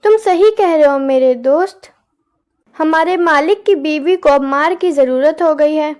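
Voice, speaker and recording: A woman's voice: high voice, measured pace, darkish tone. A woman voicing a loyal male farm dog in a storybook tale, talking in a gossiping, concerned way.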